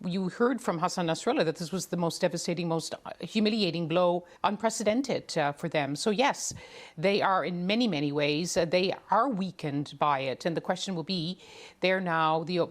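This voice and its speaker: A woman news correspondent giving a measured broadcast report, with some hesitations. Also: lowish voice.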